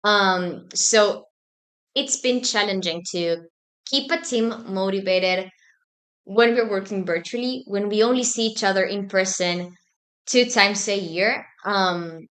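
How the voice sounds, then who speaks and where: A student society president from Argentina, young and a native Spanish speaker, joins a casual interview as a thoughtful guest. She speaks in a measured way, peppered with ums, in a medium-pitched, slightly bright voice.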